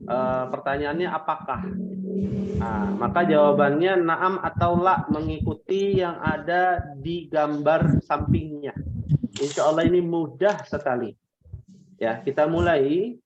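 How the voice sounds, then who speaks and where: A man teaching an online language class to women, patiently drilling questions with drawn-out prompts and repeating the answers back. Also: fairly high pitch, highs cut off, background noise. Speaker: Arabic teacher.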